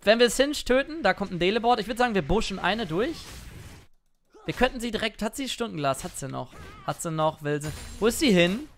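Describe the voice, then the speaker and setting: A man commentating his own gameplay in a playful, excitable way, now and then jumping into shouts. He talks into a headset or desk mic at a home gaming setup. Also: high voice, fairly quick, soft background music. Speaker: gaming streamer. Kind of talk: let's play commentary.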